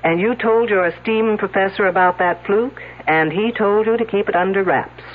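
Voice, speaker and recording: An actress voices a sardonic, self-assured lady detective who wisecracks and needles suspects in a radio mystery. She speaks at normal speed in a mid-range voice, lightly acted, and the sound is tinny like an old broadcast.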